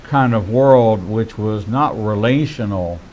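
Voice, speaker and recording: Slow-talking preacherly man in his 60s. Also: fairly low pitch, darkish tone, slight background noise, rough recording. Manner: measured, preacherly phrasing. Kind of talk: faith-based interview conversation.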